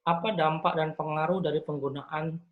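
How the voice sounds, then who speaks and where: A middle-aged man giving a recorded university lecture, thinking aloud with frequent "eh" fillers and pauses. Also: on the high side, fairly even intonation, phone-quality sound.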